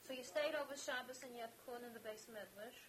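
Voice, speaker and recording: A woman's voice: a little high, brisk, fairly bright tone. A woman conducting a casual oral history interview, prompting and echoing answers back. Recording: hissy, noisy amateur home recording.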